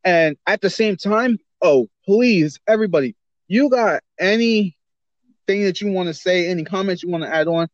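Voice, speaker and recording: A man co-hosting a casual podcast, talking in loose, slangy, animated banter. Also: high voice, moderate pace, dry recording, dull audio. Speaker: podcast co-host. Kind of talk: casual chat.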